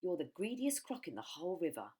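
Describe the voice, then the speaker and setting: A woman's voice: fairly low pitch, very animated, fairly quick, mellow, breathy edge. A woman voicing a smaller storybook crocodile, sceptical and sneering as it contradicts. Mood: snide.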